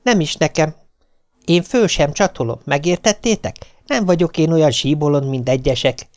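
A man's voice: fairly high pitch, no room sound, studio quality, lightly acted. A man reading aloud voices a fussy middle-aged wife who protests in a self-pitying, martyred way. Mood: grudging. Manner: whiny, protesting.

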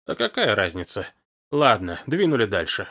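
A man's voice: fairly low pitch, big pitch swings, normal speed, bright, forceful tone, full character voice. A man voicing an irritable agent in charge who talks in a curt, officious tone, in an audiobook.

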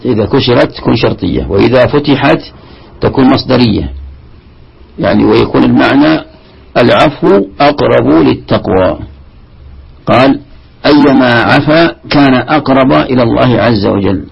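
Older-sounding sheikh type, super gravelly and husky, stops and restarts a lot, muffled lo-fi recording. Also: male voice, mid-range voice, lively intonation. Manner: halting, repeats and restarts while explaining. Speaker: sheikh explaining Quran commentary. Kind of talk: classical Arabic lesson, explaining text.

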